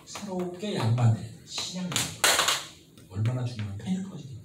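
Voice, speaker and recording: A man giving a lively history lecture who asks his students constant questions and acts out the people he quotes. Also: mid-range voice, fairly quick. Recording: very echoey room, mic at a distance, faint noise.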